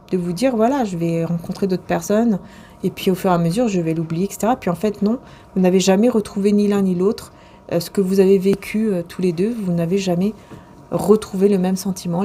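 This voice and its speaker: A woman talks straight to the viewer through a tarot reading, stopping often to hesitate and restart. Her voice is warm and mellow. A faint hiss sits under the recording. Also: medium pitch. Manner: rambling and hesitant, full of fillers and restarts. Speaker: tarot and oracle card reader.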